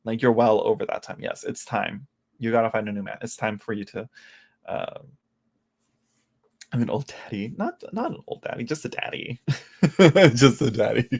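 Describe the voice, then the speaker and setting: Late-twenties tarot reader, gravelly and chatty, rambles and restarts a lot, teases himself. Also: male voice, mid-range voice. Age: late 20s. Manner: rambling, self-mocking, many restarts. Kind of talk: casual live-stream chat.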